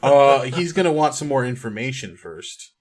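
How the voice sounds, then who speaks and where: A man narrating as game master in a tabletop game podcast, relaxed and full of ums. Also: mid-range voice, moderate pace.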